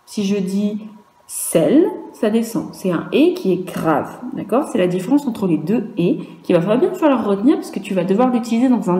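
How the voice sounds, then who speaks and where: A woman with a French accent teaching young children, speaking slowly and patiently, drawing out sounds and asking questions aloud. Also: mid-range voice, dark tone, reverberant. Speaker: primary school teacher. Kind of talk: recorded virtual class lesson for young children.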